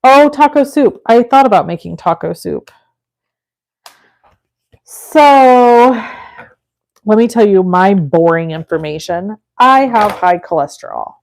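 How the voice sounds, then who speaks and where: Chatty forties woman, mid-pitched, casual live crafting host talking to her viewers. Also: lively intonation, slow, vocal fry, pauses often, a little mellow. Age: 40s. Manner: chatty, thinks aloud and talks to viewers. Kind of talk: casual chat while crafting.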